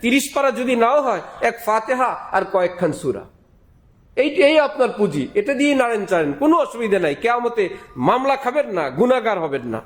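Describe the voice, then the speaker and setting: A man's voice: very high voice, very animated, normal speed. A male preacher giving a sermon, emphatic, repeating key phrases and asking rhetorical questions. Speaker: Islamic preacher. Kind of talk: Bengali waz sermon.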